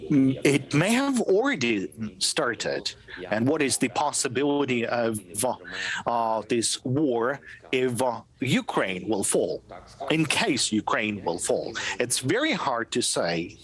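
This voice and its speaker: Man giving halting translation voice-over. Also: medium pitch, sing-song, low-quality recording. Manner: halting, repeats words and pauses with fillers. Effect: live translation voice-over of an interview answer. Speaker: interpreter. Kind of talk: simultaneous interpretation.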